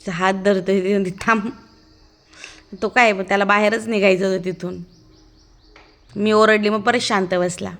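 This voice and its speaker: A woman's voice: medium pitch, little pitch movement, moderate pace. A woman giving a chatty, amused running commentary as a casual vlog voice-over, narrating as the child's aunt.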